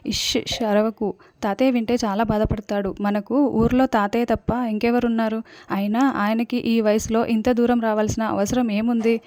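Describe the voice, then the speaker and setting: A woman reading the lines of a caring older sister who gently scolds. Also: on the high side, little pitch movement, normal speed, no room sound, clean studio sound, close to an everyday voice. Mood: pleading.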